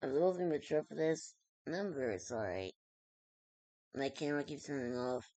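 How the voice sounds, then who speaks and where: Mid-pitched voice, streamer reading fiction aloud, halting delivery, casual asides, close dry recording. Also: animated, dark tone, no room sound. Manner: halting, stumbling over words and correcting herself.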